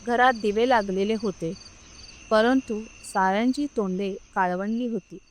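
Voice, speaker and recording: A woman narrating a scripted story in a slow, measured, solemn reading. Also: mid-range voice, a little hiss or hum.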